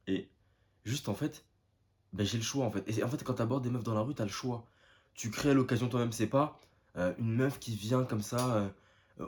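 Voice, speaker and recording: A young man tells a story straight to the camera in an excited, slangy way. His voice sits a little low, and he keeps turning to address his viewers as "the guys". He talks like he's catching up with friends. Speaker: vlogger. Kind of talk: casual storytelling vlog.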